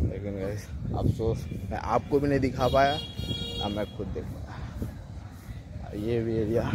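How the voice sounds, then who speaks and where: Young Bihari man vlogging on a noisy street. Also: fairly low pitch. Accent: Bihari Hindi. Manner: chatty, says "guys" constantly; drops to a hushed voice near guards. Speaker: travel vlogger. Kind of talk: casual walking vlog. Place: outdoors on roads and near a factory gate. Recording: noisy outdoor phone recording.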